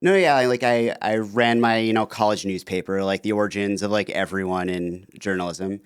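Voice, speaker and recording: In a dry, clean studio-quality recording, a man in his thirties with a lowish voice talks fairly quickly. He's a podcast guest telling stories in casual interview chat, chatty and relaxed, full of "like" and "you know".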